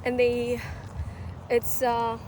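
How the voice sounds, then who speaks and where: This casual travel vlog features a woman in her twenties whose slightly high, slightly mellow voice is monotone and extremely slow. She rambles with many fillers while outdoors in a city, partly by bike, amid traffic, street noise and city ambience with vehicles going by.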